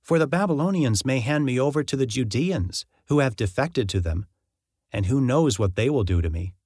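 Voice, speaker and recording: A man voicing a frightened old king, uneasy and secretive, pleading in hushed tones. The recording is dry and close, with a plain middle pitch. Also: animated, moderate pace, slightly rough, dry recording.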